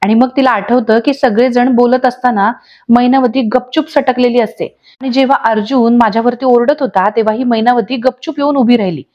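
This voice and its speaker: A woman with a fairly high voice narrates a TV serial episode recap a little fast in steady storytelling, reading the characters' lines aloud along the way. It's a voice-over, and the recording sounds muffled.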